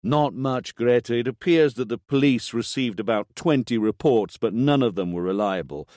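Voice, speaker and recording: A man's voice: medium pitch, moderate pace, darkish tone, no echo, clean studio sound, pitched above the performer's own voice, natural voice. A man voicing a brash, cynical male TV producer who talks pushily and emphatically. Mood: pushy.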